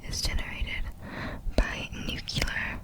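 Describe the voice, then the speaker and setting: In the manner of an ASMR creator, a woman whispers breathily throughout, reading out facts very slowly in soft, measured phrases separated by small pauses.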